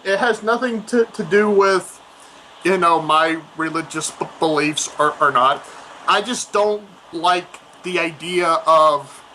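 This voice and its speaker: A man on a live radio chat, talking haltingly and stammering often. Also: a little high, bright, forceful tone, slight background noise, low-quality recording. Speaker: co-host.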